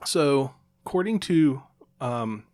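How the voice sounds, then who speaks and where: Podcast co-host, male, mid-pitched, chatty and explanatory, loose and joking. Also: lively intonation, slow, a little mellow. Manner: chatty, explaining at length with fillers and restarts. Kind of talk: casual chat.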